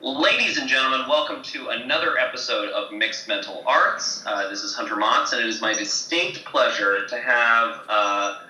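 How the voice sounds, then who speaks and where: A male podcast host with a very bright, sharp voice and a roomy, echoey sound. He asks questions in a casual, halting way, full of fillers. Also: medium pitch. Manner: hesitant, many fillers and restarts. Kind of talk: casual interview hosting.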